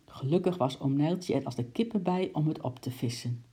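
Dark, husky storybook reader. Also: medium pitch, moderate pace. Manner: lively, plays the characters. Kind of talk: reading a children's book aloud.

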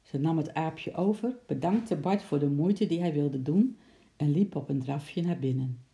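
Gravelly, dark-voiced storyteller. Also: mid-range voice, a little slow. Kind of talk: reading a children's story aloud.

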